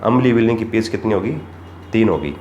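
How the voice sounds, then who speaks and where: A man's voice: fairly low pitch, animated, fairly quick, a little mellow, muffled recording. A man teaching chemistry for exams, asking rhetorical questions and repeating the key points. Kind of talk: exam-prep lesson. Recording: echoey room with faint background noise.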